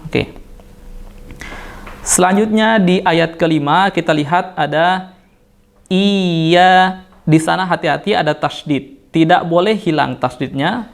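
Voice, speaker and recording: A higher-voiced Indonesian man gives a patient recitation lesson, stopping often to correct himself with small fillers. His voice is gravelly yet clear, and he talks at an unhurried pace, dropping into slow chanting for the verses. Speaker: Quran recitation teacher.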